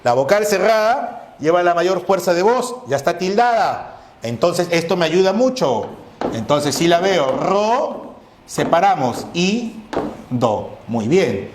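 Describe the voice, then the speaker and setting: Male teacher, slow delivery, answers his own questions, roomy echo. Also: fairly high pitch, slight background noise. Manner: poses questions and answers them himself; spells out syllables slowly. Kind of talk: grammar lesson.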